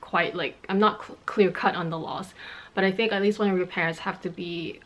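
With a lowish, steady voice and a slightly fast pace, a Cantonese-speaking fashion YouTuber in her thirties from Montreal chats her way through a Q&A vlog indoors in her bedroom. She laughs frequently and explains with hand gestures.

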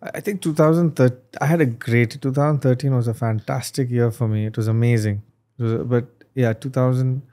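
Guy in his 30s hosting a podcast, mellow voice, waves his hands around a lot. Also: medium pitch, fairly quick. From Dubai. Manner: animated, talks with his hands. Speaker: podcast host. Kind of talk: conversational interview. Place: studio set with desk. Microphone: desk boom mic.

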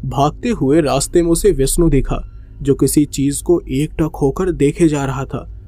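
A man narrating a horror story in a steady, suspenseful way. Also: a little high, measured pace.

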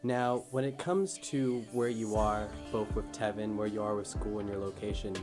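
A woman interviewer asking questions off camera, steady and with occasional ums. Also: a bass voice, normal speed. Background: background music.

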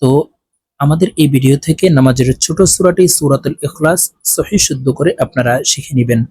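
A man's voice: medium pitch, fairly quick, darkish tone, husky. A man teaching Quran recitation, spelling out letters and vowel marks one by one in a patient, instructive way. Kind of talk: spoken tutorial lesson.

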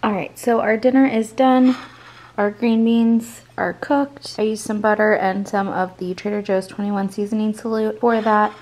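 A woman's voice: mid-range voice, steady tone, normal speed, a little mellow. A woman in her forties talks through her cooking in a home kitchen, chatty and easygoing, often stopping to correct herself mid-sentence. She records on a handheld phone as she moves around the counters. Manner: chatty, talks while cooking, many restarts. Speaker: home cook vlogger. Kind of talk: casual cooking vlog narration.

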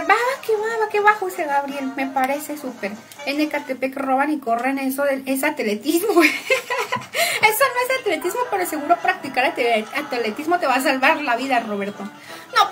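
A young woman talks casually to her live-stream audience. Her voice sits high, and her tone is upbeat as she greets people by name. Music plays clearly behind her. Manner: chatty, upbeat, greets and thanks viewers by name. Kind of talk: casual live-stream chat reading viewer messages.

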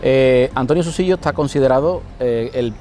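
A middle-aged man, a painter as guest, explaining art outdoors in a city square, measured and full of hesitant fillers. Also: medium pitch, mellow, soft background music. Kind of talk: outdoor conversation about art.

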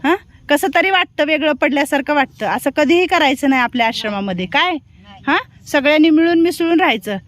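Woman, Marathi accent, high voice, old-age home caretaker, gentle coaxing, motherly. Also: expressive, a little fast. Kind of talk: caring talk with elderly residents.

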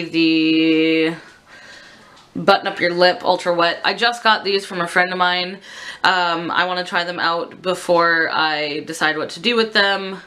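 A woman beauty vlogger with a sick, stuffed-up swamp-monster croak. Her voice sits a little low yet has a bright, forceful edge. She rambles in a candid, casual way as she talks through products. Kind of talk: casual chatty product declutter. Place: indoors at a makeup desk.

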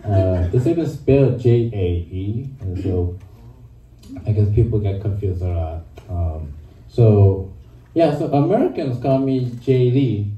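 A young Korean man does stand-up on a small club stage, hesitant and full of ums and uhs, his voice lowish and a little slow. He uses a handheld mic, and the clip, filmed from the audience, sounds muffled, distant and echoey, with laughter and room ambience around him.

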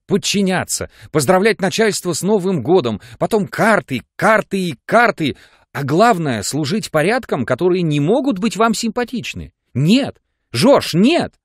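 A man's voice: high voice, very animated, unhurried, dry recording, clean studio sound, voice pushed up, heavily acted. A man voicing Zinaida Fyodorovna, a desperate, tearful woman who pleads with her lover in an audiobook. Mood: pleading. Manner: sobbing, pleading, overwrought.

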